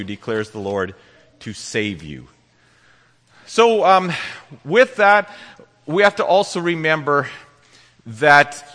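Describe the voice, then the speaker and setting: A man preaching a sermon, reading scripture and explaining it with earnest, halting restarts. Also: on the high side, pushed and bright. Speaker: pastor. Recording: long hall reverb.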